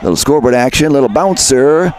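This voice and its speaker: A man's voice: medium pitch, animated, fairly quick, a little hiss or hum. Chatty male lacrosse announcer outdoors. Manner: chatty, self-correcting, conversational. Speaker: play-by-play announcer. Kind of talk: live lacrosse commentary. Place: outdoor high school field.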